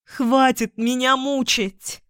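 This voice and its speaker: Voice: medium pitch, fairly even intonation, unhurried, a little mellow, no echo, natural voice. A narrator voicing a distraught young queen who turns from tender pleas to bitter accusations, in a dry close recording. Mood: anguished. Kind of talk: audiobook character reading.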